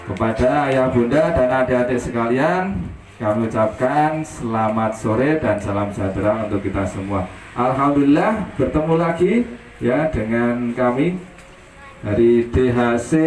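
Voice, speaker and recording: A man hosting a children's coloring contest, leading the kids in energetic call-and-response chants. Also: medium pitch. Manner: energetic cheerleading, chanting and shouting prompts. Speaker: event host and organizer. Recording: echoey far-off PA with loud noise.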